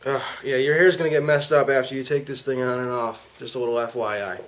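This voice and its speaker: A man's voice: medium pitch, steady tone, quick pace. A man giving a casual, slangy product demonstration as an amateur reviewer. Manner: informal, slangy. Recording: clear background noise.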